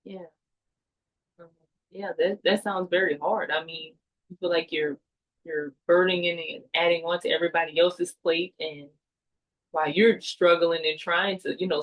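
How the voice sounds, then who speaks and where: A woman playing a calm, sympathetic counselor in a mock session, reflecting back hesitantly like a therapist. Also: low voice, normal speed, poor audio. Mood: gently supportive. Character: calm, sympathetic counselor listening to a client in crisis. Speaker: counselor in a role play.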